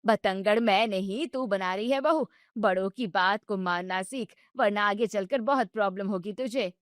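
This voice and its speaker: A woman's voice: mid-range voice, normal speed, no echo, studio quality, close to an everyday voice. A woman doing a scolding, bossy mother-in-law. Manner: scolding, sharp-tongued.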